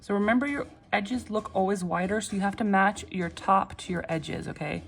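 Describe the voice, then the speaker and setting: A woman giving a casual, step-by-step craft tutorial in a reassuring, unhurried way, often checking in, with machine noise behind her. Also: mid-range voice, creaky. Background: machines running, clicking sounds.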